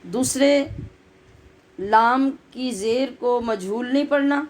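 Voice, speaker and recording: A woman teaching tajweed in a religious lesson, explaining pronunciation and modelling words and verses in slow, drawn-out recitation. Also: a little high, low-quality recording.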